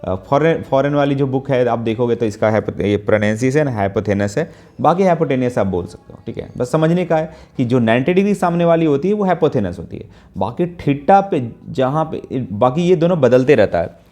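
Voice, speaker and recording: A man with a mellow, mid-pitched voice teaches a math class, working through each step patiently. He keeps checking in with his students and mixes English math terms into his Hindi. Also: expressive, a little fast. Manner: explains step by step, often checking in with listeners. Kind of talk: Hindi math lesson with whiteboard.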